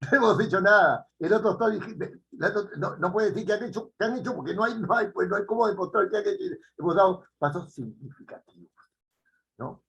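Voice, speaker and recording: A man giving a classroom lecture, repeating key phrases and checking in with the students with quick tag questions. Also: high-pitched, highs cut off. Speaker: teacher.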